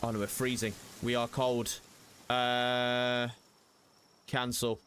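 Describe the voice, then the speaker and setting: A man's voice: mid-range voice, flat delivery, slow, fairly bright tone, slight background noise. A young man giving casual gameplay commentary as a streamer, chatty and prone to sudden panicked yelps. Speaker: gaming streamer.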